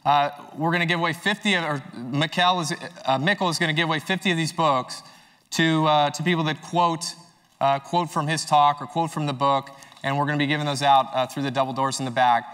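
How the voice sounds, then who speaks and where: A man's voice: a little high, steady tone, brisk, a bit bright, clean tone. A man hosting a conference, enthusiastically introducing the first speaker on stage with a few stumbles. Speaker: event host. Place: conference stage before an audience.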